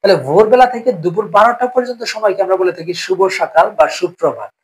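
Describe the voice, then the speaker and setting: A man with a high voice, heard on a rough recording, gives a patient spoken English lesson. He goes slowly, says every phrase more than once, and keeps asking "ঠিক আছে?" to check in.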